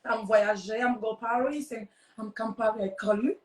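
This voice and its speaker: A woman voicing a wealthy foreign businesswoman who flirts in slow, broken English. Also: fairly high pitch, steady tone, echoey room, distant mic, natural voice, rough recording. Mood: flirty.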